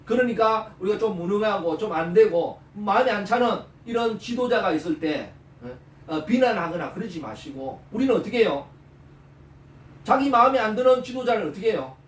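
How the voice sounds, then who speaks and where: High-voiced animated male preacher. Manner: animated, peppers talk with rhetorical questions and "eh?" prompts. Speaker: pastor. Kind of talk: sermon. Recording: roomy, from far off the mic.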